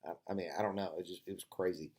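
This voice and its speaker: A man's voice: sits low, fairly even intonation, rapid-fire, a little mellow, breathy edge. Rambling older man telling stories. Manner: rambling, with many "uh" fillers and restarts; sarcastic storyteller who acts out both sides of a dialogue. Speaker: vlogger. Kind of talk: casual monologue of funny stories.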